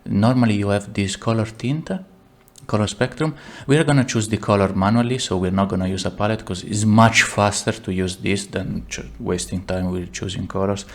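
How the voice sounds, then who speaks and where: A man with an Italian accent giving a casual software tutorial, rambling and blunt, with many fillers and self-mocking asides. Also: on the low side, steady tone, moderate pace. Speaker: tutorial maker. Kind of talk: casual screen-recorded tutorial.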